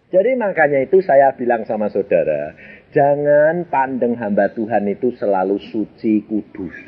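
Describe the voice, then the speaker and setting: Husky older Javanese-accented preacher. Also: male voice, mid-range voice, normal speed, phone-quality sound. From Central Java, Indonesia. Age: 80s. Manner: animated, chuckling, acts out the people in his stories. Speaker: evangelist preacher. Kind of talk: storytelling sermon.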